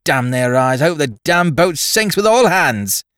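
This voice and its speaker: A man voicing a drunken, vicious boy pirate with a shrill, cursing voice. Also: animated, slow pace, fairly bright tone, dry recording, studio quality, heavily acted. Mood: snarling.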